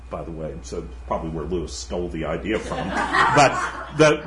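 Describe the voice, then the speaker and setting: A man giving an informal lecture in an animated, digressive way, often laughing at his own asides. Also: medium pitch. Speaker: teacher. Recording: roomy echo with faint ambience.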